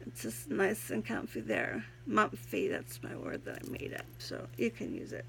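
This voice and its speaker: A tired woman vlogger with a gravelly voice and slightly soft R sounds, talking in a playful, rambling, giggly way in a casual devotional style. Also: medium pitch, huge pitch swings, normal speed, a little hiss or hum. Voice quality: trouble pronouncing R sounds. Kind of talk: casual devotional vlog with poem reading.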